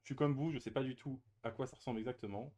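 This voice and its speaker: A man's voice: medium pitch, steady tone, very fast, warm tone. A man chatting casually as he opens trading card boosters on camera, hesitant with many fillers and restarts. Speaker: card-opening YouTuber. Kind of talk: casual unboxing commentary.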